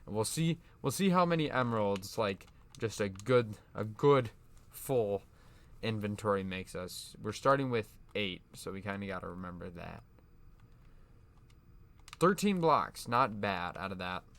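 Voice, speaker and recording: A man's voice: on the low side, lively intonation, measured pace, fairly bright tone. A young man giving casual, rambling commentary over his own gameplay, often correcting himself and laughing at himself. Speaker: gaming YouTuber.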